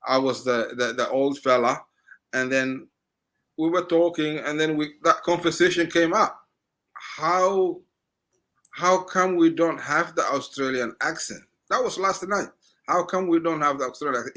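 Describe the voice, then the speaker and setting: Bright-voiced Somali-accented man, halting. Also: a little high. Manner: halting, restarts phrases, chatty. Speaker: interview guest. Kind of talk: casual interview talk.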